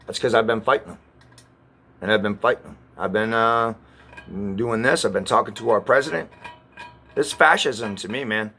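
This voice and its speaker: A man ranting to camera in an agitated, profane way, often halting and restarting. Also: lowish voice, sharp tone. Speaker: vlogger.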